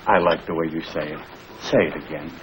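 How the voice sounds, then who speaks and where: An actor playing a courtly gentleman suitor in an old broadcast drama, speaking with formal gallantry and effusive compliments. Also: rumbling low, a little fast. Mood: gallant, admiring. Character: courtly, flattering gentleman suitor who loves poetry. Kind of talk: old-time broadcast comedy-drama acting. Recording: noisy vintage broadcast recording.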